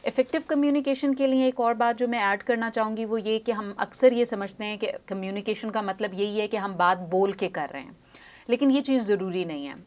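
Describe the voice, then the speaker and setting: Studio interview में एक महिला स्पीच पैथोलॉजिस्ट, जो उदाहरण देकर धीरे-धीरे समझाती है और बीच-बीच में अंग्रेज़ी वाक्यांश बोलती है।. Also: female voice, medium pitch, fairly quick. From Pakistan. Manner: explanatory, uses examples, mixes English phrases. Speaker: speech pathologist guest. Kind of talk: studio interview, explaining. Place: news studio.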